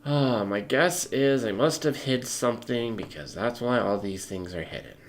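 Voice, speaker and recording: A man's voice: medium pitch, normal speed. A man live-streaming his 3D work, frustrated and tired from too little sleep, muttering to himself and talking to his chat. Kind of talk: casual live-stream commentary while working.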